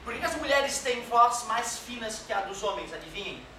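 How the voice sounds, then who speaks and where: A man's voice: very high voice, lively intonation, moderate pace, a crowd in the background. A man teaching a classroom lecture in a joking, colloquial way, dropping swear words and acting out quoted voices. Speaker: physics teacher. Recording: very echoey room, mic far off.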